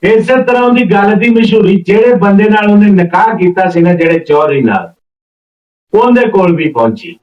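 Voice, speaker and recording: Telling a folk story in a relaxed, informal way, a man speaks at normal speed in a high, animated voice, repeating phrases as he connects each event to the next. The recording is roomy and distant, with a slightly dull mic.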